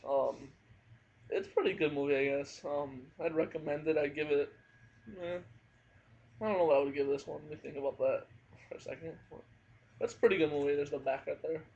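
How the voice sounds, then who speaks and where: At home with family nearby, a man gives a casual spoken movie review, hesitant and hedging with frequent fillers. His voice is on the high side, steady, brisk, creaky and a little mellow, with frequent pauses. The home recording is dull and lo-fi.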